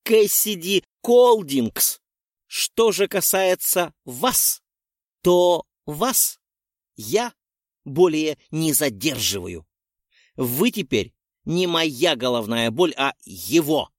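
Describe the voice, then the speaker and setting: A man's voice: fairly high pitch, big pitch swings, slow, dry recording, studio quality, voice pushed up, heavily acted. A man voicing a stern, indignant old woman who is the head witch of a magic academy, scolding students. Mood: outraged.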